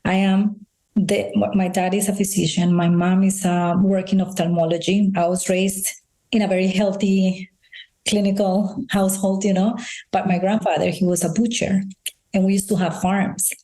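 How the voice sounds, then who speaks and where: An integrative health practitioner from Colombia, a Spanish speaker with a Colombian accent, tells personal stories earnestly as an interview guest, restarting often and saying "you know" a lot. Her mid-range voice is mellow and flat in delivery at normal speed. The audio quality is poor.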